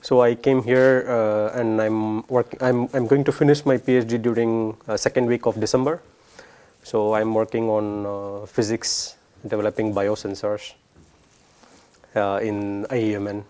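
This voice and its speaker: A man's voice: medium pitch, mellow. A young man from south India, a PhD student speaking hesitantly with many fillers in a casual roundtable discussion.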